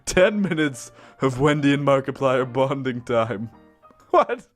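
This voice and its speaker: A man reading fan fiction aloud, breaking off often with excited, gushing reactions and laughter. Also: mid-range voice, measured pace, faint music behind.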